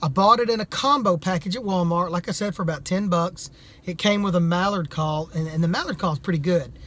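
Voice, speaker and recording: A man's voice: high voice, fairly quick, fairly bright tone. A man speaking in a plain, folksy way as he gives a casual, slightly hesitant product demonstration. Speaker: amateur duck hunter reviewing calls.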